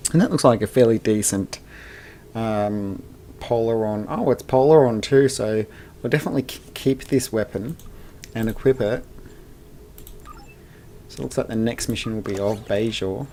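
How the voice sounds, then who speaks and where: A man giving relaxed commentary while playing a video game, sometimes reading the dialogue aloud. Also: on the low side, normal speed, long pauses, slight background noise. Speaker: let's play gamer. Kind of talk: casual gameplay commentary.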